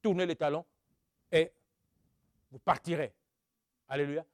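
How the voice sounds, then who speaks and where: Male preacher, sermon, high voice, slow delivery, loud-to-quiet swings, hallelujahs. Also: dry recording, clean studio sound. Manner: exclaims hallelujah, asks the congregation questions; dramatic swings from loud outbursts to quiet asides.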